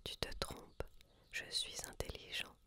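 A woman reading a book aloud in a soft, unvoiced library whisper, with slow, measured and deliberate phrasing. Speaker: reader.

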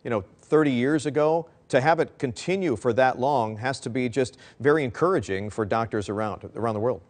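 A middle-aged man anchoring a studio news segment, asking brisk, friendly questions. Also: mid-range voice.

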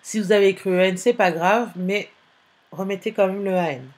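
A woman's voice: mid-range voice, steady tone, normal speed. A woman teacher giving a spelling dictation to young pupils, repeating each word and spelling it out letter by letter. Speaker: primary school teacher.

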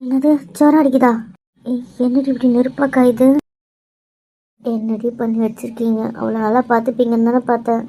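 A woman's voice: fairly high pitch, little pitch movement, normal speed, dark tone, poor audio. A woman playing a fretful, scolding mother in a scripted family drama. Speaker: mother and in-law in a family web series.

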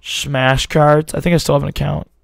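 A man's voice: fairly high pitch, level tone, moderate pace, vocal fry, dry recording. A young man streaming live, rambling casually to his chat in slangy talk, his voice a little worn out.

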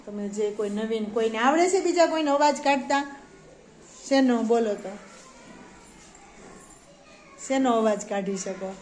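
High-voiced teacher coaxing young pupils. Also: female voice. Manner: asks the children questions and praises answers. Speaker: preschool teacher. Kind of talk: classroom teaching. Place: classroom. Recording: faint background noise.

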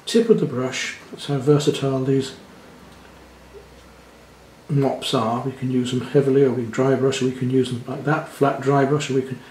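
A man, gently talking through a watercolour demonstration as he paints, thinking aloud in a chatty way. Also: medium pitch, flat delivery, normal speed, reverberant, a little hiss or hum. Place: indoor studio at the easel.

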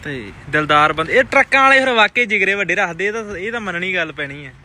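A man with a Punjabi accent chats casually in vlog style. His voice is on the higher side, with clear vehicle and outdoor noise around him. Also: animated, fast, sharp tone. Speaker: vlogger. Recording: noisy outdoor and vehicle background.

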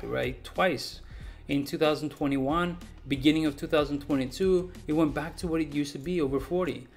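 A man in his forties talking casually through a stock analysis, emphatic and repeating words for stress, recorded at his desk. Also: a little high. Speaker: stock market YouTuber. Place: small room indoors.

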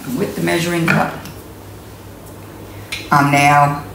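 A woman's voice: deep voice, takes it slowly, creaky. A woman in her sixties with an Australian accent, giving a chatty, rambling cooking tutorial in her home kitchen, with plenty of ums. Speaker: cooking demonstrator. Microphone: camera mic from mid distance. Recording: roomy kitchen with steady noise.

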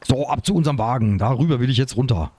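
Excitable husky German gamer. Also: male voice, mid-range voice, fast. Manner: excitable, talks to himself and viewers, frequent exclamations. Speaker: gaming YouTuber. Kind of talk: let's play commentary.

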